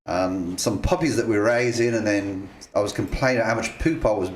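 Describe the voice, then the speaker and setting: A man's voice: on the low side, normal speed, noisy background. A middle-aged man with a Texan accent, hosting a casual podcast chat in a folksy, drawling way. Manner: folksy, drawling, with emphatic repeats. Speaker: podcast host.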